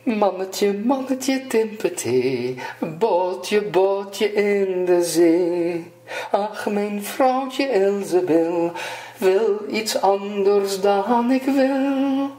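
A man's voice: sing-song, measured pace, a little mellow, echoey room, soft background music. A man doing a timid trembling old fisherman. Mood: fearful chant. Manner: pleading, higher and trembling. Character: timid, fretful poor fisherman husband.

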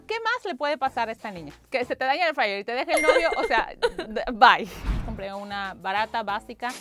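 Her voice runs on the high side, lively in intonation and a little fast, as this thirtysomething lifestyle host plays with kitchen gadgets on a table in a bright studio. Chatty and sassy, she quizzes herself and answers in quick asides, recorded on a lapel mic with music underneath.

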